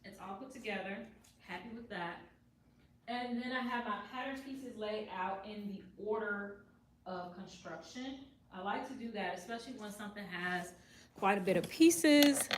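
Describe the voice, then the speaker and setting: A woman with a mid-range voice hosts a relaxed sewing tutorial in her sewing office, chatting and thinking aloud while she works. She wanders the room, so her voice moves closer to and away from the added mic; the camera sits across the room, and there's roomy echo plus a faint hiss.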